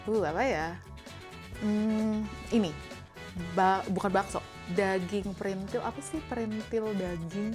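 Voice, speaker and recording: A woman's voice: medium pitch, steady tone, slow pace, over music. A woman talking as a podcast guest, chatty and laughing often, with many fillers. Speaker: podcast guest, business owner. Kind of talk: casual interview chat.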